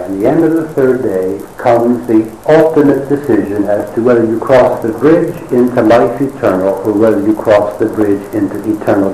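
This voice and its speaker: A man delivers a sermon in a wry, conversational way, with drawn-out dramatic pauses. His voice is mellow and warm. The room is echoey, with faint ambient noise behind him. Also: lowish voice. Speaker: preacher.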